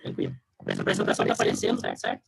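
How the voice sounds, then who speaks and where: A man's voice: very deep voice, monotone, racing, vocal fry, breathy edge. A man, a guest lecturer speaking over a video call whose audio keeps cutting out and glitching. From southern Brazil, Rio Grande do Sul. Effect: choppy, glitchy, breaking-up video-call audio.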